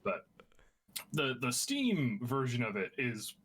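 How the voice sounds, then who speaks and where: A man co-hosting a casual podcast, curious and quick, telling loose stories. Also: medium pitch, huge pitch swings, fairly bright tone, husky. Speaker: podcast co-host. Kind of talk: casual chat.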